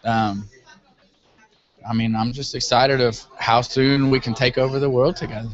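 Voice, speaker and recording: A man's voice: mid-range voice, fairly even intonation, moderate pace. Man explaining casually on a dull recording. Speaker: guest, web business owner. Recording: dull, lo-fi audio.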